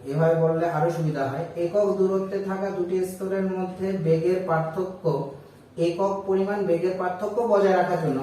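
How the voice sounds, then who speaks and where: Students hear a physics lesson explained at the board by a man with a high-pitched, darkish voice. He goes step by step and asks rhetorical questions before answering them himself. The sound comes from a distance in an echoey room, with faint noise.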